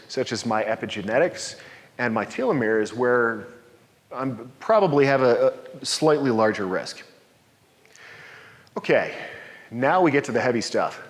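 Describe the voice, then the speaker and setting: A man in his forties gives a conference talk from a podium in a dark lecture hall. His voice sits at a middle pitch, explanatory and upbeat. A long reverb trails behind every phrase, picked up by a distant podium mic. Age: 40s. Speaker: presenter.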